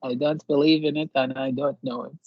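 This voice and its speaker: Interviewee: man from Iraq, gravelly voice, dry lo-fi recording, halting delivery. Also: mid-range voice, fairly even intonation, no echo. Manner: hesitant, many filler pauses. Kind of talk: casual interview answers.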